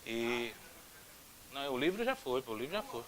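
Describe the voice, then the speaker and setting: A man with a Brazilian Portuguese accent teaching a grammar video lesson. He is animated, repeats drills aloud and drops jokey asides. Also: medium pitch, normal speed, poor audio.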